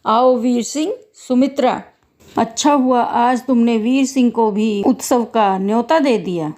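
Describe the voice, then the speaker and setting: Lady doing gentle old village priest, soft and humble, mellow. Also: fairly high pitch, a little slow, lightly acted. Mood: welcoming.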